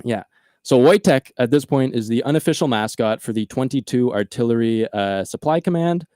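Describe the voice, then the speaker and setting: Male podcast host, animated storyteller, casual, dry recording. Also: mid-range voice, moderate pace, no echo.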